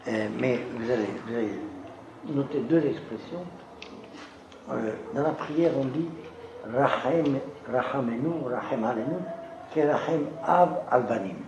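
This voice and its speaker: A joking Torah teacher in an echoey room. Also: male voice, mid-range voice, a little slow, dull audio. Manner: reads Hebrew verses aloud, then translates and explains them; teasing, conversational, jokes with listeners. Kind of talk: lecture to a live class. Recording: echoey room with background noise.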